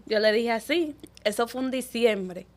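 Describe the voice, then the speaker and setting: A young woman, telling her life story as an interview guest, quick and animated, acting out the people she quotes. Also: a little high. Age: young adult. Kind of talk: emotional personal storytelling.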